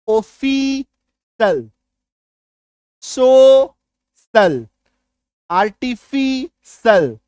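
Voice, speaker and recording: A man teaching English spelling, drawing out example words slowly and often checking that his students follow. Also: sits high, smooth, dry recording, clean studio sound. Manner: repeats checks like "आ रही बात समझ में?". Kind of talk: spelling lesson.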